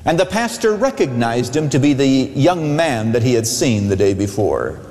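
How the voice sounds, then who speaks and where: A man pastor preaching a sermon at a pulpit microphone, telling a story with an expressive, storytelling delivery. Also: mid-range voice, moderate pace. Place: large church sanctuary. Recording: echoey church hall with long reverb.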